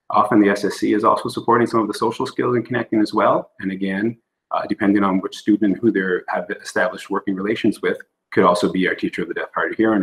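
Low-voiced man presenting on a video call. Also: a bit bright, low-quality recording. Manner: explanatory, with frequent fillers and restarts. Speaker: school board administrator presenting. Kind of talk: presentation at a remote board meeting. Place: indoor room on a video call.

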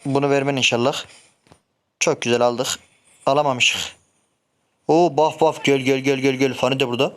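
Excitable young gaming streamer. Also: male voice, medium pitch, moderate pace, pauses often. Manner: excitable, swears and grumbles at teammates. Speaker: gameplay streamer. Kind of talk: casual live game commentary.

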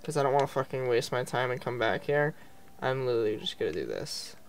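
A man's voice: medium pitch, expressive, fast. A man giving chatty, slangy gameplay commentary as he plays, swearing freely. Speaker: gamer playing and commentating.

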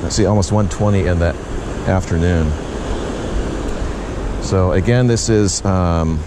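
A man hosting his own news channel, narrating casually on scene outdoors with a handheld action camera, relaxed and full of fillers and restarts. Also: low voice, a little slow, noisy background. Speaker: news videographer and show host. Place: outdoors on a windy beach bluff.

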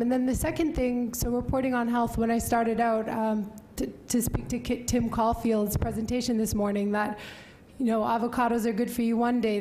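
A woman's voice: fairly high pitch, warm tone. A young woman speaking as a journalist on a panel, conversational with frequent fillers, at a table microphone in a wood-panelled hall. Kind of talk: panel discussion remarks.

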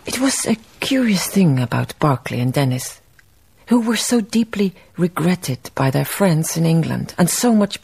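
In a radio play, a reflective, poetic woman memoirist recalls colonial farm life in a deep, husky, darkish voice with a gravelly creak, fully in character. Wistful, she speaks in a measured, lyrical way, lingering deliberately on poetic phrases.

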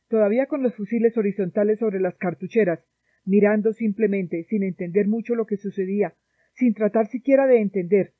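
A woman from Colombia reading a novel aloud in a measured, sombre narration, heard through a dry, tinny phone-like sound. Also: mid-range voice, no echo. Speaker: audiobook reader. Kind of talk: literary narration.

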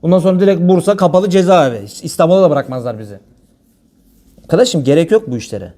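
A man's voice: fairly high pitch, expressive, fast talker, mellow. A man preaching an informal religious talk from a lectern before an audience, blunt and colloquial, with pious phrases throughout.

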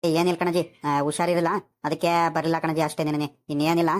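A woman voicing a rushed, easygoing male fish seller in an animated village comedy. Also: deep voice, natural voice. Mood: hurried. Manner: rushed, pleading, fast-talking.

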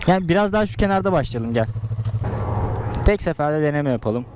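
A man's voice: a little high, expressive, fairly quick, heavy background noise. A young man chatting casually as a motorcycle vlogger, slangy and teasing, talking from inside a helmet. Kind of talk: casual motovlog chat and commentary.

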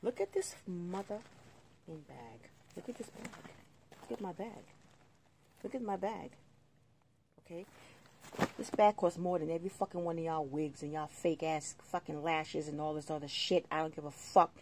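A woman's voice: low-pitched, moderate pace, pauses often, background noise. A middle-aged woman, delivering an angry, profane rant to camera and repeating herself for emphasis. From New York City. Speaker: vlogger.

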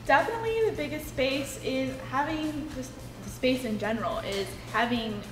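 A teenage girl answering interview questions in a classroom, measured and thoughtful. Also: sits high, over music. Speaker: student interviewee. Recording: echoey classroom.

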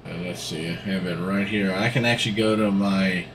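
A middle-aged man's low voice, with fairly even intonation at a normal speed, carries over a noisy background. Seated in a gaming seat at home, he chats and rambles casually while livestreaming a farming game.

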